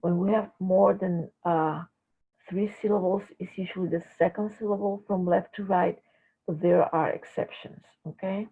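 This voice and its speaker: A woman teaching a language class in a recorded lecture, explaining slowly with frequent filler pauses. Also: on the low side, fairly even intonation, husky. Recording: tinny phone-like lo-fi audio.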